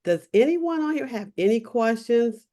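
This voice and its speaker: A woman's voice: on the high side, lively intonation, normal speed, mellow. A woman hosting an online meeting, friendly and chatty, inviting questions. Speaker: meeting host. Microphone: video call.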